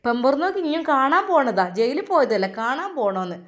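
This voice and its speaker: A woman's voice: high-pitched, sing-song, a little fast, a bit bright. A woman voicing a scornful, spiteful woman who sneers and complains.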